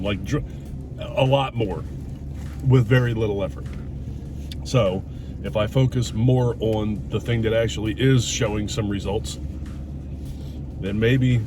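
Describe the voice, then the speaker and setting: A man's voice: on the low side, recorded from a distance, background noise. A middle-aged man vlogging in a casual, candid way as he chats over a meal, speaking bluntly and reflectively with some swearing. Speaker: YouTube vlogger. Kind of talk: casual, candid chat to camera and companion while eating.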